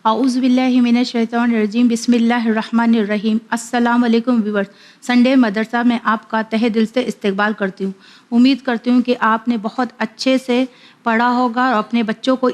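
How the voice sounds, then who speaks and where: Brief: female reading teacher with a high voice, patient syllable drills, brisk explanations. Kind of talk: children's Quran reading lesson.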